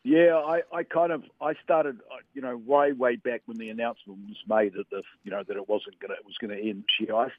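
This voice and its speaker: A man from Western Samoa calls into a radio sports chat over a tinny phone line. His mid-range voice has a steady tone and no room sound, and he talks fairly quickly with hardly any pauses, yet rambles hesitantly with lots of fillers.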